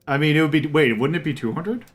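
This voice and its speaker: A man's voice: on the high side, fast talker. A man streaming a game, musing and thinking aloud in casual commentary.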